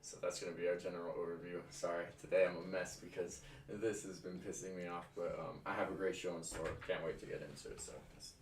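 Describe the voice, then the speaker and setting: A man's voice: deep voice, level tone, quick pace, hardly any pauses. A man streaming his reactions to news clips, talking casually, swearing often and laughing through rambling asides. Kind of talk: casual profane stream commentary. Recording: roomy room mic from some distance, faint noise.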